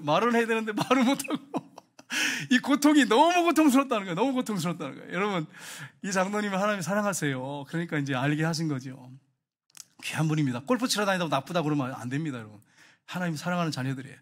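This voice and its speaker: A male pastor preaching with a high voice and rapid delivery. He tells his stories animatedly and keeps turning to address the congregation directly. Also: a bit bright. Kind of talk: sermon.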